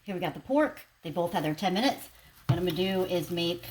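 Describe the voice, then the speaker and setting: Woman, lowish pitch, food vlogger, casual cooking talk, faint frying noise behind. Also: lively intonation, a little fast.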